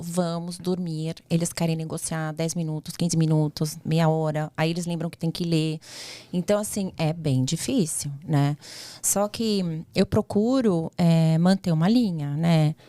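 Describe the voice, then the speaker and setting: A woman's voice: fairly low pitch, moderate pace, dark tone, dry recording. A woman, a mother, speaking as a guest in a casual chat, telling stories firmly and quoting herself and her kids. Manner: storytelling, firm, quotes herself and her kids.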